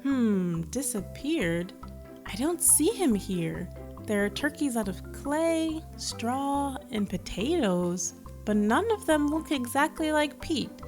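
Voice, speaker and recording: Soft music accompanies a woman with a high, darkish-toned voice as she slowly reads a picture book to children, her pitch swinging widely. She keeps the young audience involved by pausing for questions and asides.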